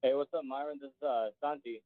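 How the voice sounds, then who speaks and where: A man from Puerto Rico calling in to a show, halting and hesitant, his voice garbled as if underwater by a bad phone connection. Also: mid-range voice, fairly even intonation. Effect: garbled underwater-sounding phone line. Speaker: caller. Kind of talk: call-in question to a podcast. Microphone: phone call. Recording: tinny dry phone line.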